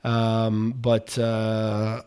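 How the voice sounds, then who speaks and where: A man's voice: lowish voice, completely flat delivery, very slow, warm tone, smooth. A man hosting a podcast, chatting casually about sports in a loose, rambling way that drifts between topics. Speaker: podcast host.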